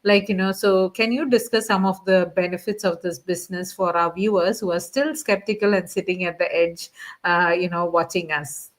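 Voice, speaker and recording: A woman's voice: fairly low pitch, fairly even intonation, normal speed. A woman hosting a live session, talking casually and rambling with many "like, you know" fillers. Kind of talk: casual live-stream chat.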